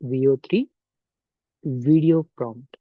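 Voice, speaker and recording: Recorded indoors over a screen capture, this casual software walkthrough comes from a Telugu-accented man who mixes Telugu and English within sentences and goes over instructions more than once, step by step. He speaks in a mid-range voice at a moderate pace. The audio has phone-like quality and no echo.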